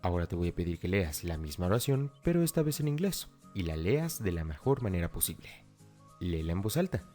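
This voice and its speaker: A man's voice: deep voice, very animated, a little fast, warm tone, soft background music. A man giving a scripted language lesson, explaining step by step and speaking directly to the learner. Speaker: English teacher. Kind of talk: scripted tutorial narration.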